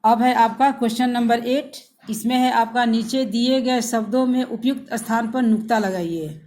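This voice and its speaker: A woman school teacher giving a grammar lesson to pupils, spelling words out slowly letter by letter and calling them children. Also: fairly high pitch, fairly even intonation, darkish tone.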